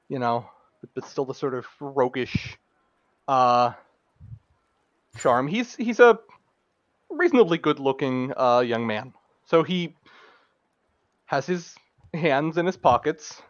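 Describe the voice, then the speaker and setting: A man's voice: medium pitch, fairly bright tone, dry recording. A man narrating a tabletop game as game master, rambling and hesitant with many fillers, on a dull lo-fi mic.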